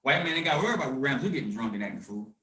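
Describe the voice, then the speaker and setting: A man hosting a conference call, talking with fire and swinging from shouting to hushed calm. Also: medium pitch, racing, distant mic. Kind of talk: impassioned activist talk. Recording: roomy echo.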